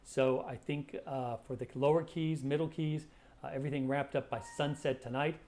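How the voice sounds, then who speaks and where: A man's voice: mid-range voice, steady tone, moderate pace, a little mellow. A man presenting a live weather briefing as a forecaster, talking conversationally and hesitantly, often repeating words as he explains.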